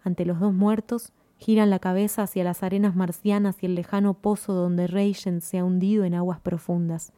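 A woman narrating a story in a measured, even reading. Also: on the low side, no echo.

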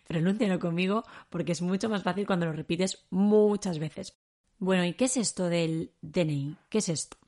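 A woman from Spain with a Spain Spanish accent, teaching a podcast lesson and repeating words slowly for learners. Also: on the low side, a little mellow.

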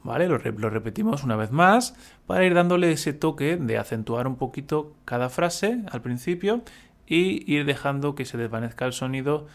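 A man's voice: fairly high pitch, expressive, moderate pace. A man teaching a music lesson, patiently explaining step by step and humming examples.

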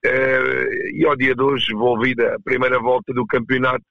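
A man with a European Portuguese accent answering as a coach in a casual interview, halting and repeating words as he goes. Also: medium pitch, level tone, creaky, no echo, lo-fi sound. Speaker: roller hockey coach, interview guest.

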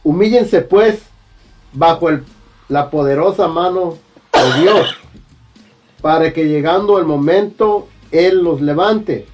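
A man reading scripture aloud in a formal, solemn and deliberate way. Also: fairly high pitch, darkish tone, faint music behind. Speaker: scripture reader.

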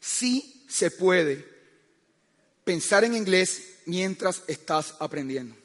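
A man's voice: high-pitched, animated, slow pace, in a large hall. A man preaching a sermon who tells stories and keeps asking his listeners "¿sabes qué?", often stammering and restarting his sentences.

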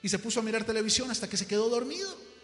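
A preacher telling a dramatic story in a sermon, emphatic in delivery. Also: male voice, sits high, animated, very fast, fairly bright tone. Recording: echoey hall with faint music.

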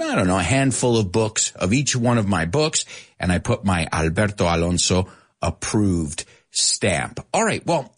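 A man hosting a lively radio show that teaches English, reading out listener messages and explaining phrases. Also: medium pitch. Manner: energetic, reads listener chat messages aloud and explains phrases.

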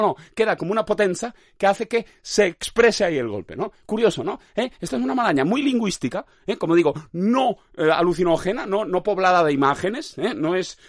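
A man's voice: a little high, dry recording, clean studio sound. A man hosting a podcast in a rambling, playful philosophical monologue, repeating phrases and often asking his listeners if they follow. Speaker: podcast host.

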